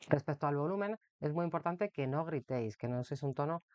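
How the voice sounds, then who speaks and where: Male instructor, slightly high voice, explanatory lesson, muffled close recording. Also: lively intonation, fast, clean tone, no room sound. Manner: explanatory, uses rhetorical ¿no? often. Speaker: course instructor for teacher exam candidates. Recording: dry, dull lo-fi recording.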